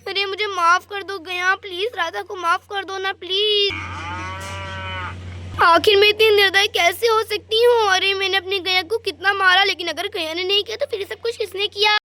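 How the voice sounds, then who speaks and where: A woman voicing a quick-tempered village woman who shouts and scolds in a doll story. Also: extremely high pitch, fairly even intonation. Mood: remorseful.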